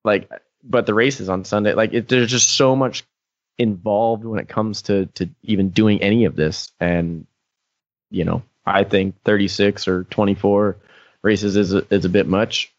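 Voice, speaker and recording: A man's voice: lowish voice, steady tone, moderate pace, no room sound, muffled recording. A man co-hosting a podcast in casual chat, rambling and filling his sentences with "like". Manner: rambling, peppered with "like". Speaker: podcast co-host.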